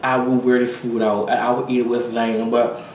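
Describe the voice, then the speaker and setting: A man's voice: mid-range voice, flat delivery, normal speed, a little mellow, far from the mic, slight background noise. Tired young man rambling in echoey room. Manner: rambling, apologetic, many fillers. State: tired, full from eating. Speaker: vlogger. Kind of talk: casual chat to camera.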